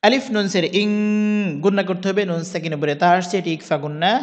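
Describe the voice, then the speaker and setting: Guy teaching quran recitation, fairly high voice, patient syllable by syllable, long reverb. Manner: patient, spells out each syllable; recites verses slowly and drawn out. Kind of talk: spelling-out recitation lesson.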